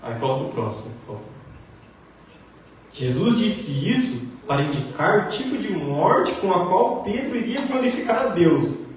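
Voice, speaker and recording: A man preaching a sermon in a church hall, animated and acting out quoted dialogue. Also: high voice, normal speed. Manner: animated, acts out quoted dialogue with rising emphasis. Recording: echoey church hall, distant mic, faint hiss.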